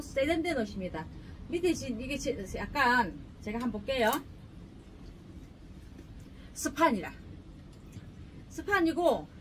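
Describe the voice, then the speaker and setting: A middle-aged woman, a clothing shop owner giving a chatty, joking sales pitch in her shop. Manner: chatty, joking, pushy seller. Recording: distant mic, faint room noise.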